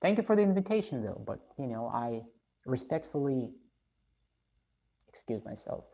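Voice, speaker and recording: A woman's voice: rumbling low, very animated, moderate pace, dull audio. A woman from Russia, live streaming, reading viewer comments and giving blunt, opinionated views.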